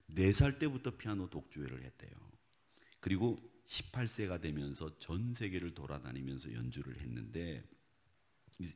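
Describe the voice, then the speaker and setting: A man preaching a sermon as pastor, animated and talking straight to his congregation, dropping at times to hushed asides. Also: low-pitched. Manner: animated, swings from loud exhortation to hushed whispered asides; talks directly to the congregation with questions. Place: church sanctuary.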